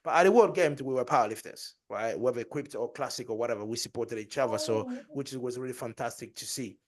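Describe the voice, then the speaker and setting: A man's voice: mid-range voice, fast. A man co-hosting a casual podcast chat, talking in a boastful, joking way and laughing often. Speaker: podcast co-host and powerlifter.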